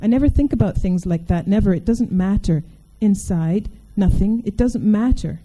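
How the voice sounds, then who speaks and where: A woman's voice: medium pitch, dark tone, natural voice, low-quality recording. A woman reading aloud as a frightened young man who sputters his answers in a hurry. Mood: flustered. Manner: sputtering, hurried. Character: frightened young male outsider, flustered and defensive.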